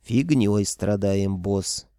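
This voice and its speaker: A man's voice: lowish voice, slow pace, mellow, clean tone, dry recording, clean studio sound. A man voicing a loyal, thuggish male imp who talks in street slang, in an audiobook. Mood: rough. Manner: slangy, blunt.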